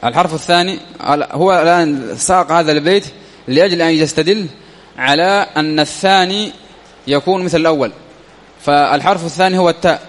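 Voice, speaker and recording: Man, grammar teacher, slightly high voice, reads a text then explains it, asks the class questions, repeats key points, reverberant hall. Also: fast talker.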